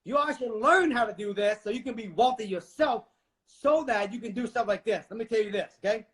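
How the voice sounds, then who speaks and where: A man's voice: sits high, a little fast, fairly bright tone. A man in his forties from Vietnam, a real estate investor speaking as a guest in an interview, emphatic and preachy, addressing the listeners directly. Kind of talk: motivational interview talk.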